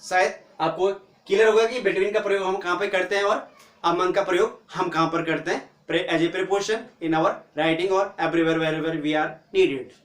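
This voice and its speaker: A man's voice: sits high, fairly even intonation, a little slow, fairly bright tone, roomy sound. A man teaching an English grammar lesson in Hindi, asking rhetorical questions and answering them himself. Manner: mixes Hindi with English example phrases.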